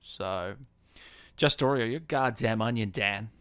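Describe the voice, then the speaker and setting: His voice is lowish, smooth and a bit bright, and he talks a little slowly with no echo in the recording. He's an Australian man hosting a gaming livestream, chatting casually and answering viewer comments as if talking to mates.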